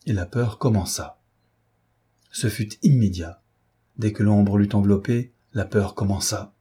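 A male narrator reads a novel aloud in a measured, dramatic delivery. His voice is low and dark, with a husky grain to it. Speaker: audiobook narrator. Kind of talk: scripted audiobook narration.

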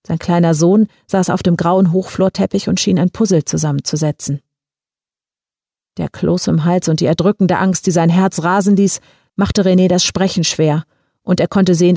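A woman reading a short story aloud in a measured, even storytelling manner. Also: fairly low pitch, dry recording, clean studio sound. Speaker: audiobook reader. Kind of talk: scripted story narration.

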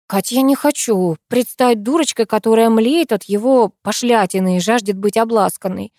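A woman reading an audiobook, voicing a flustered, excitable young office woman who pleads and panics easily. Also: on the high side, no echo, studio quality, voice pushed up, natural voice. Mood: anxious. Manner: pleading, impulsive, quick to panic.

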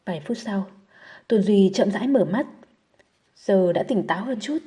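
A woman narrating a novel audiobook in a steady, measured reading style. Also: medium pitch.

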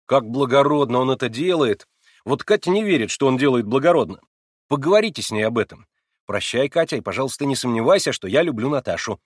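A man reading a novel aloud and voicing an excitable young man who pleads and defends himself in a raised, plaintive voice. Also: mid-range voice, breathy edge, no echo, clean studio sound. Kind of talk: audiobook character reading.

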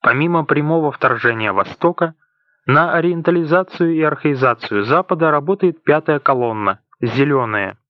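A man reading nonfiction essays aloud as an audiobook narrator, in a measured, deliberate way. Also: on the high side, animated, no room sound, dull audio. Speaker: audiobook reader.

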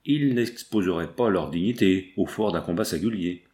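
A man's voice: deep voice, moderate pace, a little mellow, voice pushed down, lightly acted. A man reading the lines of a proud, grieving medieval prince in an audiobook, in a declamatory, pleading manner. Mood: proud, indignant.

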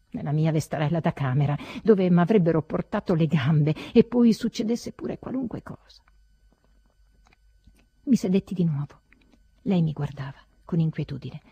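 Woman, audiobook reader, very husky voice, low and slow, intense, slips into whispers. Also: dark tone, no echo, dull audio. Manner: intense, dropping often into whispers. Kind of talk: dramatic literary reading.

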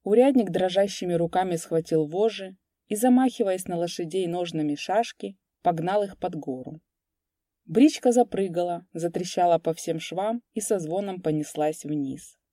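A woman reads a story aloud in a steady, measured way. Her voice is low and mellow, recorded dry and close with no room sound. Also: no echo. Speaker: narrator. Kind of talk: audiobook narration.

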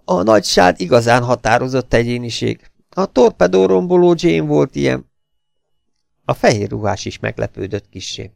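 A man narrating an audiobook in steady storytelling, recorded close to the mic. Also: medium pitch, gravelly, no room sound. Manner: steady storytelling, voices for each figure. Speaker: audiobook reader. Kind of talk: scripted narration.

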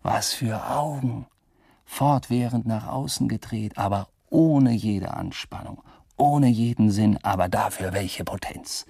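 An actor in a radio drama speaking a wry, rambling, drunkenly philosophical first-person monologue in a gravelly, husky voice. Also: male voice, lowish voice, unhurried, warm tone, no room sound, clean studio sound, full character voice. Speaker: narrator and protagonist.

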